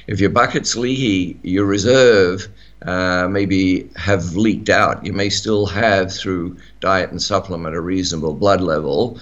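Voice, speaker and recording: A man's voice: low voice, fairly even intonation, a little slow, lo-fi sound. A middle-aged man with an Australian accent, chatting on talk radio, rambling with many fillers and restarts. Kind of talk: casual talk radio chat.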